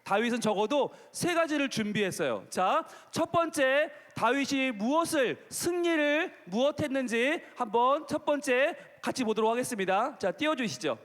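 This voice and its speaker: A pastor gives a children's sermon in a very high voice that bounces up and down. He talks playfully and keeps asking the kids questions. His voice rings with the long reverb of a large gymnasium. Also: expressive, normal speed, few pauses, fairly bright tone.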